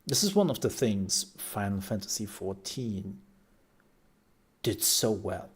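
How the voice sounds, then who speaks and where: A male streamer chats through a live reaction stream in an unhurried, meandering way. He thinks aloud and circles back over his own phrases in a lowish voice. His voice sounds worn from hours of talking. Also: big pitch swings, husky.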